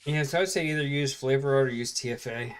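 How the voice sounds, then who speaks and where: A weary man talks loosely and unhurriedly, trailing off and restarting his thoughts. His voice sits at an ordinary middle pitch and he sounds worn out after a long week. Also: fast talker, clean tone. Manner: relaxed, rambling, with fillers. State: tired, yawning. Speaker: co-host. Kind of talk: casual late-night chat.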